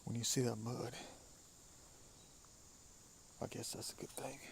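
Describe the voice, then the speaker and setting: A man talking quietly outdoors by a stream, often dropping to a whisper as he peers around. His voice sits in an ordinary middle pitch. Faint crickets and insects hum behind him. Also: level tone, fast, creaky. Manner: often whispering, curious and hushed. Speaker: outdoor vlogger. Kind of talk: hushed outdoor vlog narration. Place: outdoors by water.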